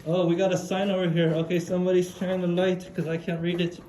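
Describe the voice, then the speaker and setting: A man touring a dark lava tube cave, reading the signs aloud and teasing with fake scares. His voice carries the cave echo. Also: high-pitched, level tone, fast talker, slight background noise. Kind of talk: casual tour chat, reading signs aloud. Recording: echoey cave with long reverb.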